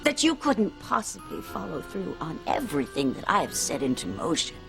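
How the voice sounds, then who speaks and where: A woman's voice: lowish voice, huge pitch swings, normal speed, gravelly, over music, exaggerated voice. An actress playing a gloating, scheming wicked witch who is trapped in a bottle, in soap opera style. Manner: cackling, scheming, theatrical.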